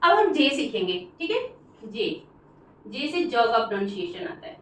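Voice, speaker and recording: A woman with an Indian accent teaching English pronunciation, saying each word slowly and repeating it for the class. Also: fairly high pitch, very animated. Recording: echoey room, voice from far off.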